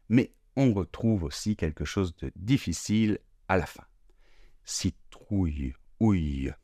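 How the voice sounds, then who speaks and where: A man teaching French pronunciation slowly and deliberately, drawing out sounds and repeating each word. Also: deep voice, darkish tone, no room sound, studio quality. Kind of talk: slow, careful pronunciation lesson.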